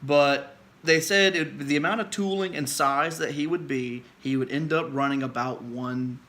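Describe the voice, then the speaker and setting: A man's voice: on the high side, normal speed, fairly bright tone. A man co-hosting a casual podcast about monster movies and toy figures, loose and rambling, laughing often. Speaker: podcast co-host. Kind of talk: casual chat. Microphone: podcast microphone.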